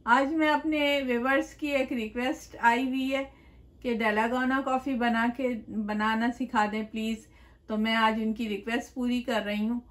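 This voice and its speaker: A woman hosting her own cooking channel, explaining a recipe step by step in a gentle, chatty way, with blessings and greetings to her viewers. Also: a little high. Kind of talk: home cooking tutorial voice-over. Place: home kitchen.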